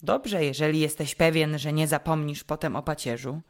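A woman voicing a gentle young woman in a storybook reading, speaking softly and soothingly. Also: sits low, fairly even intonation, moderate pace. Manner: soft and soothing, quieter.

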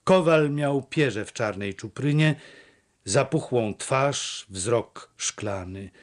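Slow, expressive male narrator. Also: medium pitch. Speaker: audiobook narrator. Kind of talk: scripted narration of a classic novel.

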